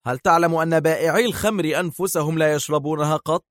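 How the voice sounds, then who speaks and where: A man voicing a calm male hero who speaks in a dry, wry way. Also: a little high, quick pace, no room sound, pitched above the performer's own voice, lightly acted.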